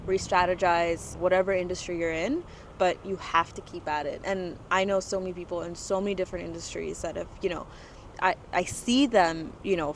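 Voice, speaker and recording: A woman's voice: on the low side, slight background noise, rough recording. A woman in her twenties from Dubai, a guest entrepreneur talking casually in an interview, full of "you know" and "like" fillers. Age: 20s.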